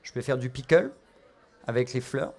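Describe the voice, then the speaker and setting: A man's voice: medium pitch, moderate pace, creaky, a little mellow. A middle-aged man with a Parisian French accent, a chef explaining a cooking demonstration, with frequent fillers and restarts. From France.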